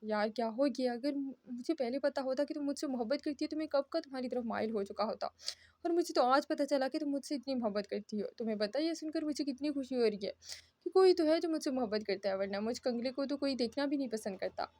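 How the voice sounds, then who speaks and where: A woman's voice: sits high, fast, warm tone, no room sound, natural voice. A woman reading as a young husband. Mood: affectionate. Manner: coaxing, indulgent. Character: young husband, gruff then affectionate. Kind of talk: storybook reading.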